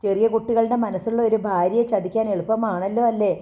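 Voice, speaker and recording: A woman's voice: mid-range voice, fairly even intonation, fairly quick, dark tone, roomy sound, dull audio, close to an everyday voice. A woman voicing a bitter, wounded husband who speaks with sarcastic reproach, in a storybook reading.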